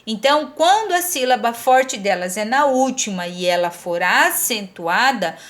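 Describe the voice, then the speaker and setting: A woman's voice: a little high, expressive, measured pace, fairly bright tone. A woman with a Brazilian Portuguese accent teaches a recorded lesson. She talks patiently and keeps checking with "tá?" whether the pupil follows. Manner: patient, repeats "tá?" to check understanding.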